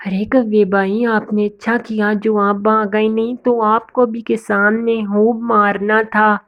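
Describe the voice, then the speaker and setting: Gentle cartoon sparrow girl, a woman voicing her, soft and polite, slow, dull recording. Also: medium pitch, little pitch movement. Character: sweet clever female cartoon sparrow.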